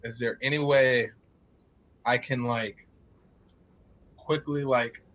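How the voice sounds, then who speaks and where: A man's voice: mid-range voice, steady tone, takes it slowly, a bit bright. A man playing a tabletop game who reacts eagerly to what happens. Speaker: player. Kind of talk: tabletop game play, casual chat. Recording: dull lo-fi mic.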